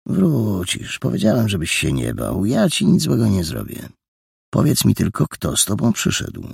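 A man voicing a mysterious, cunning stranger who questions a boy in a gentle, coaxing way. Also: on the low side, huge pitch swings, normal speed, vocal fry, breathy edge, no echo, clean studio sound, exaggerated voice. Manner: gentle, coaxing, then sharp. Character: mysterious grown man, soft-spoken, cunning interrogator.

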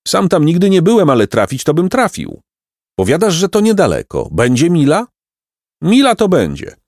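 A man's voice: on the high side, huge pitch swings, moderate pace, darkish tone, no room sound, clean studio sound, voice pushed up, full character voice. A man voicing a cheerful, good-natured peasant who talks in a hearty, simple-hearted, laughing way, in a storybook reading. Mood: sly, joking.

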